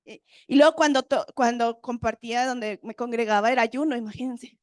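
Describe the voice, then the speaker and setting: A woman's voice: a little high, fairly even intonation, brisk, dry recording, studio quality. A woman preaching a sermon, reading Bible verses and putting questions to her listeners.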